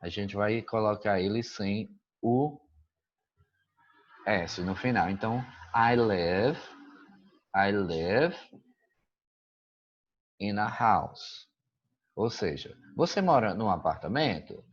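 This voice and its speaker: A man's voice: fairly low pitch, very slow, long pauses, dull audio. A man who teaches English, patiently explaining a school exercise and often stopping to check that his students follow. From Brazil.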